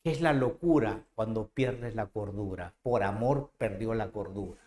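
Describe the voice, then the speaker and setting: A man teaching literature by acting out old legends. He talks slowly and theatrically and keeps turning to the listener with questions. The sound bounces around an echoey room. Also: on the low side, a little mellow. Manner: theatrical, with rhetorical questions to the student. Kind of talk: dramatized storytelling lesson.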